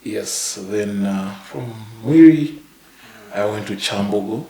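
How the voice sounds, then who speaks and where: Gravelly low-voiced man, laid-back storyteller. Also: dark tone, reverberant, rough recording. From Uganda. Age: 30s. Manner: halting, many fillers, chuckles between points. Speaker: podcast guest. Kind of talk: casual interview, life story.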